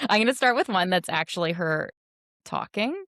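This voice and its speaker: A woman's voice: on the low side, dry recording, studio quality. A woman in her thirties co-hosting a podcast in casual, chatty talk, laughing often. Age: 30s. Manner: chatty, laughs often, reads lyrics in a flat monotone. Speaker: podcast co-host. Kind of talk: casual chat.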